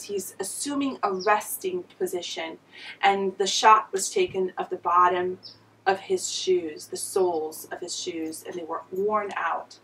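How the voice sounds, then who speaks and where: A woman's voice: medium pitch, a bit bright, far from the mic, slight background noise, rough recording. A woman in her thirties from Romania with a Romanian accent, talking earnestly to the camera in a reflective vlog and often restarting her phrases. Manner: earnest and gesturing, with many restarts. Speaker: vlogger.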